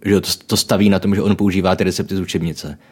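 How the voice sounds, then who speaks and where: A man's voice: deep voice, steady tone, a little mellow, breathy edge. A young man from the Czech Republic co-hosting a casual book chat, musing aloud with jokey asides. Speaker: podcast co-host.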